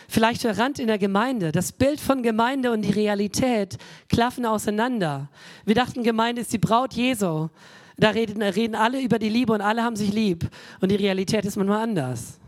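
A man preaching a sermon in an emphatic way, often turning to his listeners with quick asides. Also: high-pitched.

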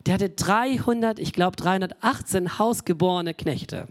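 A woman's voice: on the low side, normal speed, no room sound. A woman in her forties preaching a sermon, talking directly to the congregation with fillers and self-corrections. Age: 40s. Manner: conversational, addresses the congregation directly.

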